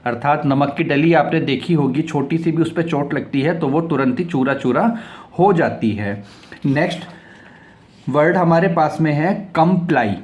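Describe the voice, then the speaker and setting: Man teaching English words, slightly high voice. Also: darkish tone. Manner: spells words out letter by letter and reads example sentences slowly; explanatory, repeats each word several times. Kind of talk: vocabulary lesson.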